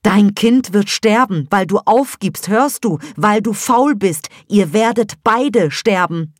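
A woman reading a novel aloud for radio, voicing a harsh village midwife who loudly scolds a woman in labor. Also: medium pitch, expressive, slow, no room sound, studio quality, pitched above the performer's own voice. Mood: harsh scolding. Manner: loud, scolding, commanding.

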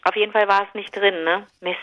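A woman co-hosting a podcast in a casual chat, reacting quickly and chatting freely. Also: medium pitch, steady tone, a bit bright, highs cut off. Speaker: podcast co-host.

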